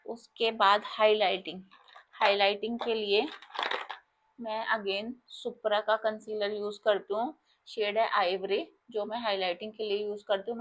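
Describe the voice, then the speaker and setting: Indian woman touring her makeup kit. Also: mid-range voice. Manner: explains step by step, addresses viewers directly. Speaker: makeup artist. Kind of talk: casual product walkthrough.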